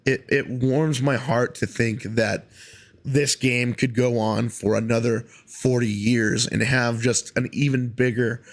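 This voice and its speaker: A man hosting a solo podcast, talking casually in an earnest, rambling, informal way. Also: mid-range voice. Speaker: podcast host.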